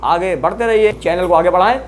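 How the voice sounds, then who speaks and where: A chemistry teacher talks through a lesson in a steady classroom manner. The teacher keeps asking the students questions and answering them, and repeats new terms slowly so they stick. There is a faint hiss behind the voice. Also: mid-range voice. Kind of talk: classroom lecture.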